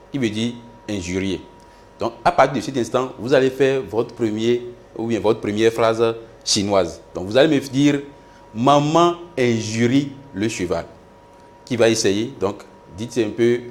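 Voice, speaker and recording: A man lecturing in a recorded university video lesson, speaking slowly and carefully and modelling pronunciation for students to repeat. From Benin. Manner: slow, careful teaching, drawing out and pitching up the tones he models.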